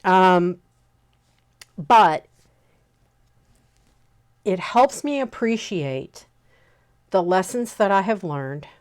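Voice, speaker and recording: A woman in her fifties hosting a relaxed spoken lesson, unhurried and often pausing to check in with an "okay?". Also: lowish voice, clear, resonant tone. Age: 50s. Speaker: host teaching on pagan practice.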